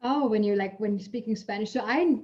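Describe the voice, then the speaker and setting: Speaking fairly quickly over a muffled call line, this female guest scientist from Germany, whose first language is German, answers informal questions in a warm, low-key tone. She's a chatty, lively storyteller who leans on lots of fillers and laughs mid-sentence.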